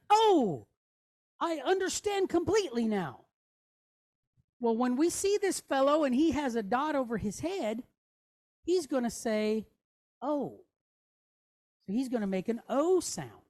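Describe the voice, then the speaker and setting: A woman leads a class at the board, and her bright, high voice jumps around a lot. She talks in a folksy, animated way and keeps checking in with her listeners. The sound is close and dry, with almost no room echo. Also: moderate pace. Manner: animated, folksy, repeats "okay?" often. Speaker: Hebrew teacher.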